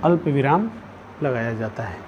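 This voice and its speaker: A man teaching a Hindi grammar lesson. He dictates notes slowly, repeats each phrase and puts questions to the pupils. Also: mid-range voice, expressive. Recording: dull lo-fi sound with faint background noise.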